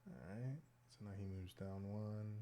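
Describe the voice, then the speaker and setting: A man thinking aloud as he plays online chess, muttering moves and often dropping to a hushed near whisper. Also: fairly low pitch, steady tone, unhurried, a little hiss or hum. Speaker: chess streamer.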